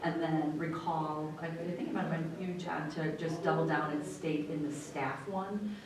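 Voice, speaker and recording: A woman's voice: steady tone, moderate pace, crowd noise. A woman with an American accent giving an explanatory report at a meeting as a school superintendent. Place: indoor meeting room. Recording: echoey room, far mic, faint rumbling noise.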